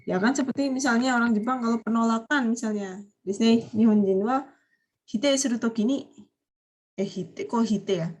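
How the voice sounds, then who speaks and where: A woman's voice: on the high side, normal speed, darkish tone. A woman teaching a vocabulary lesson over a video call, explaining patiently, quizzing her students and mixing Japanese words into her talk. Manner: explains patiently, often asks students questions.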